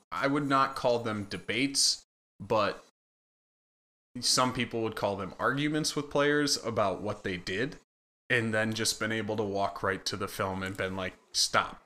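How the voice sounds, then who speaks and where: A man from Michigan talks football coaching on a casual podcast. His voice sits fairly low but sounds bright and forceful. He is earnest and instructive, laying out rules for players. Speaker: offensive line coach, podcast co-host.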